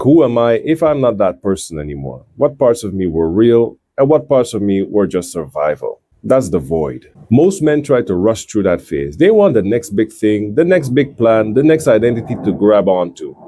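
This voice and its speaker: Middle-aged male host for a reflective monologue: measured and earnest, mellow timbre, dry recording. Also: lowish voice, no echo. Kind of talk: reflective scripted monologue to viewers.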